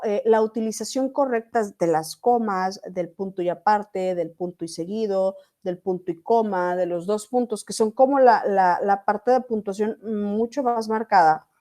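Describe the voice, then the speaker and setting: A woman's voice: mid-range voice, measured pace, few pauses, mellow. A woman teacher, explaining a lesson step by step to an online class and often checking in with her students.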